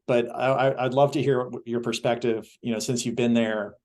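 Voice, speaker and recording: A man's voice: mid-range voice, flat delivery, moderate pace, darkish tone. A man moderating an online panel casually, handing over to speakers in a loose, rambling way full of "you know".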